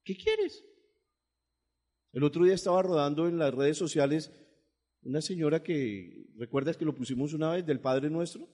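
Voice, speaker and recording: A male pastor preaching a sermon, swinging from loud, emphatic bursts to low, quiet asides. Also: fairly quick, in a large hall.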